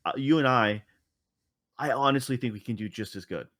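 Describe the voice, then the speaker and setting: A man co-hosts a podcast, rambling casually through lots of fillers and restarts. His medium-pitched voice moves at a moderate pace and sounds a bit bright, recorded with clean studio sound and no echo.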